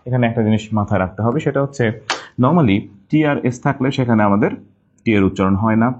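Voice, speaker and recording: A husky male teacher runs an online spelling class for exam prep. He says each tricky word again and again, stretching it out syllable by syllable. The audio is dull and lo-fi. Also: mid-range voice, a little mellow. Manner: repeats words slowly, syllable by syllable.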